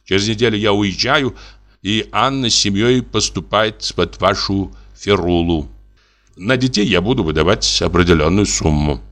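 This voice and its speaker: A man's voice: on the low side, moderate pace, a bit bright, close to an everyday voice. A man voicing a wronged middle-aged husband, a notary who speaks in a formal, wounded, pompous way. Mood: stern. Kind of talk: audiobook character reading.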